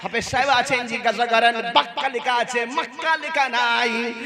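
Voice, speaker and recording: High-pitched chanting preacher over a crowd. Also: male voice, moderate pace. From India. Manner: sing-song, rises to loud high emphatic peaks, quizzes the crowd. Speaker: Islamic preacher. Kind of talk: chanting jalsa sermon to a crowd. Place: outdoor religious gathering. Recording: live crowd, PA system.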